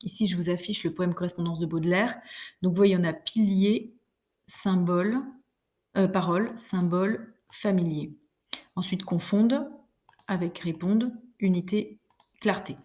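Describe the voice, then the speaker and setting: Teacher, woman, patient explainer with fillers, low mellow voice, online lesson. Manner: explains patiently, many fillers, reads verse slowly and rhythmically. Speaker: French teacher.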